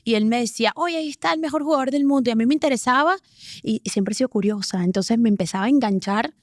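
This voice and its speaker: A woman in her forties from Venezuela, telling her life story as an interview guest with lively, emphatic bursts. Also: fairly high pitch, no echo, studio quality. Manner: animated, emphatic, talks in quick bursts. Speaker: interview guest, sports presenter.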